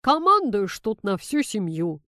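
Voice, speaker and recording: A woman's voice: mid-range voice, sing-song, unhurried, bright, forceful tone, dry recording, clean studio sound. A woman reading a grumbling jovial grandfather. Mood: hearty. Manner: hearty, grumbling calls.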